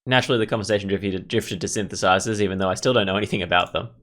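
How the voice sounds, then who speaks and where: Against faint music, a gaming video host with a lowish, fairly bright voice races through a visual novel playthrough, reading aloud and commenting in a casual, reflective, tentative way.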